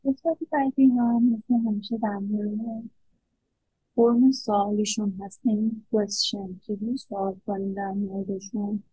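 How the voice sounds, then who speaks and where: A woman teaching English grammar, saying each English example slowly and deliberately before explaining it. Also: medium pitch, flat delivery, dark tone, slightly rough, no room sound. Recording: dull lo-fi sound.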